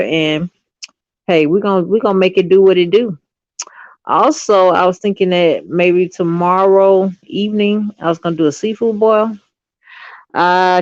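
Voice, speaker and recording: A woman's voice: on the low side, no echo. Chatty woman on a lo-fi livestream. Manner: chatty, addresses viewers as "you guys", trails off softly. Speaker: livestream host. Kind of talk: casual livestream chat.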